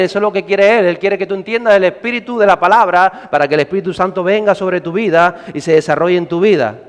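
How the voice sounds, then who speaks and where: A man preaching a sermon, animated, acting out scenes with shouts and character voices. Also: high-pitched. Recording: hall reverb.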